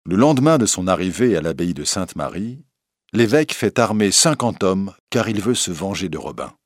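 A man reading a storybook aloud with an expressive, dramatic delivery. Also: sits low, moderate pace, no room sound, studio quality.

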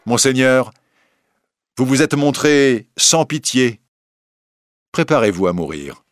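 A man's voice: medium pitch, sing-song, takes it slowly, no echo, studio quality, pitched above the performer's own voice. A man voicing a bold, generous outlaw who speaks with confident, mocking politeness. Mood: assured, mocking. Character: bold, generous male outlaw, young adult.

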